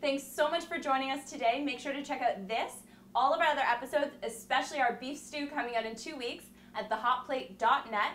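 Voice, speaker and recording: Upbeat lady cooking show host, kinda high voice, echoey kitchen, bit of hiss. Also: brisk, fairly bright tone. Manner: upbeat, instructional. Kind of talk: scripted cooking demonstration. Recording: echoey room, faint background noise.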